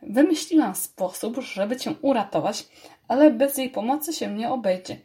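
A woman's voice: fairly high pitch, lively intonation, normal speed, warm tone, natural voice. A woman reading a storybook aloud and voicing a firm, bossy, clever schoolgirl. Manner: firm, commanding.

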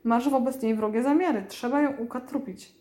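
A woman's voice: on the high side, a little fast, mellow, reverberant, close to an everyday voice. A woman voicing a bossy male cat who teaches hunting in a commanding, instructive way.

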